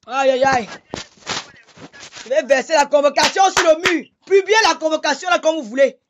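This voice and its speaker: A middle-aged Cameroonian woman with a Cameroonian French accent, delivering a heated, insulting rant on a live stream and shouting in bursts. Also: high voice, moderate pace, noisy background. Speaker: livestreamer.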